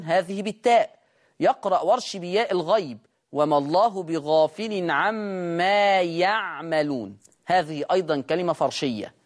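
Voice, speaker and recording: A man with an Egyptian accent teaching Quran recitation in a recorded lesson, explaining quickly and then slowly drawing out and repeating each recited word. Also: high voice. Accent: Egyptian Arabic.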